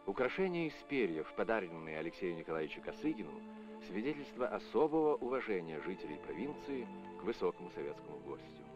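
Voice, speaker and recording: A man reading formal scripted narration in a measured official tone, as an old Soviet newsreel voice-over. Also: sits low, very animated. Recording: dull lo-fi old film soundtrack with music. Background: music.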